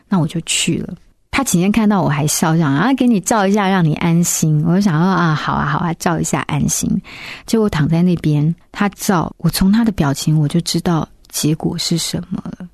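Woman, lowish mellow voice, soft reflective testimony, dry close mic. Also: vocal fry, breathy edge, dry recording. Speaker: interview guest. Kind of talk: personal testimony.

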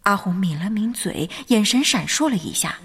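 A woman narrating a scripted story in a gentle, measured manner. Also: medium pitch, expressive, husky. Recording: reverberant hall with faint music. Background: faint background music.

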